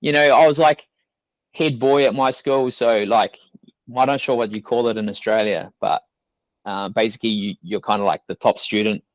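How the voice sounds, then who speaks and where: This fairly low, fairly even male voice moves at a moderate pace with no room sound. He's a young fitness coach with a New Zealand accent, chatting as a guest on a casual podcast interview and rambling with plenty of "you know" and "like." The studio audio is dull and dry.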